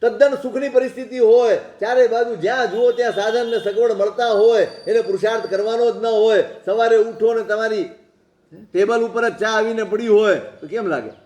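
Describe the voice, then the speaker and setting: Male preacher, high voice, sermon with stories and rhetorical questions, echoey hall recording. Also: normal speed, darkish tone.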